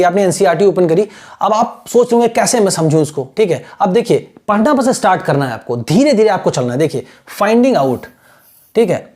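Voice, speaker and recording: Patient mellow-voiced male teacher. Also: high voice. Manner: patient, repetitive, often checks in with the viewer; drills pronunciation syllable by syllable. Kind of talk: screen-share language lesson.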